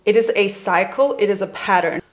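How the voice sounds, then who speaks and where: A woman's voice: mid-range voice, fairly quick. Candid woman in her twenties, roomy sound. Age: 20s. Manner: candid, gentle and self-reflective, laughs now and then. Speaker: vlogger. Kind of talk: personal reflective vlog talk. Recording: roomy echoey room.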